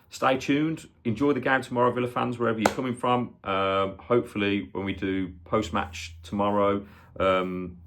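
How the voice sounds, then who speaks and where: A man in his forties with a Birmingham accent, chatting casually and a little hesitantly to viewers as a football fan vlogger. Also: sits low. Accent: Birmingham (Brummie). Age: 40s. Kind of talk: casual chat to viewers, match preview.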